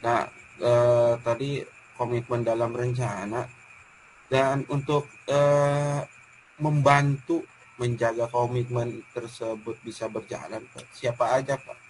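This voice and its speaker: Coach guy, west java accent, polite questions, really slow, bit of background hiss. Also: medium pitch, little pitch movement, low-quality recording. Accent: Indonesian, West Java. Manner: polite questioning, addressing the other as Pak. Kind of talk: coaching practice conversation.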